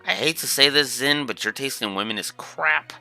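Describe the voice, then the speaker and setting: A man plays a feisty, brash teenage game heroine. The voice is forceful and very bright, blunt and excitable, with faint music. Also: mid-range voice, moderate pace, vocal fry, no room sound, voice pushed up, exaggerated voice. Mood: scornful. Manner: brash, slangy.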